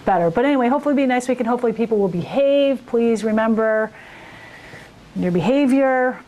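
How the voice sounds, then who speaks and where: A woman's voice: a little high, expressive, fast talker, warm tone, muffled recording. A woman working as a town administrator, giving a casual, plain-spoken community update in an interview.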